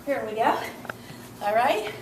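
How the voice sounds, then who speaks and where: A woman's voice: fairly high pitch, lively intonation, unhurried, reverberant, recorded from a distance, a little hiss or hum, low-quality recording. A young woman leading a workout as fitness instructor, upbeat and encouraging, counting reps and a little out of breath.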